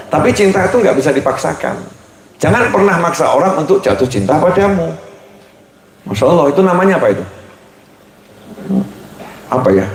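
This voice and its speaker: A man giving a relaxed, joking sermon, chatty and playful, slipping in phrases. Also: mid-range voice, echoey room, a little hiss or hum, low-quality recording. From Indonesia. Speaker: preacher.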